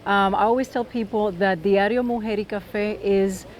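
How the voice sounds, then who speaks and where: A woman's voice: mid-range voice, fairly even intonation, moderate pace, a little hiss or hum. A woman from Puerto Rico with a Puerto Rican accent, a film director talking enthusiastically in a press interview and often restarting her sentences.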